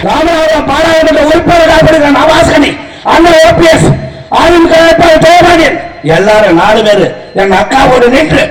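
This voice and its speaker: A man with a Tamil Nadu accent giving a fiery political rally speech as a party organiser, impassioned and combative, often shouting and repeating phrases for emphasis. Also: extremely high pitch. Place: public meeting in a town. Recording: echoey distant PA with loud crowd noise.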